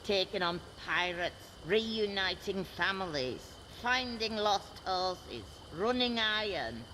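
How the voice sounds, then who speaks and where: A woman's voice: mid-range voice, lively intonation, takes it slowly, pushed and bright, slight background noise, poor audio. An actress playing a self-assured blind wandering woman in a fantasy game, wry and teasing. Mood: wry, confident.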